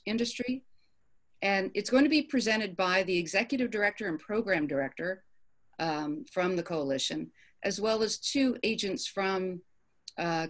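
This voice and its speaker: A woman presenting an upcoming event in a virtual office meeting, halting, with many ums and uhs, over a video call. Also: fairly low pitch. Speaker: committee presenter.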